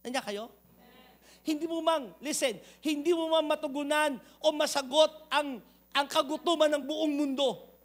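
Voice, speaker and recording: A man, a pastor preaching a sermon, moving from loud calls to the congregation to quiet, personal storytelling. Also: extremely high pitch, normal speed. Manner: switches between loud appeals to the congregation and soft storytelling.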